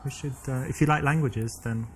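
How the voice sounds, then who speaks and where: Faint music plays as a British actor in his thirties, also a dating coach, acts out a boastful young man who rambles tactlessly on a date for an interactive game. His medium-pitched voice stays steady, runs a little fast, and is lightly acted.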